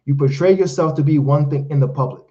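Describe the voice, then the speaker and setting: Speaking fast in a fairly high, warm voice over lo-fi sound, a Haitian Creole–speaking life coach hosts a live Q&A. He preaches motivational advice emphatically, addressing listeners as fellas and brother.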